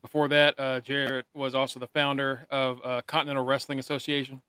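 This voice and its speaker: A man's voice: medium pitch, flat delivery, brisk, pushed and bright, clean tone, no echo. A male podcast co-host talking in a casual, conversational style. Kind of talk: casual chat.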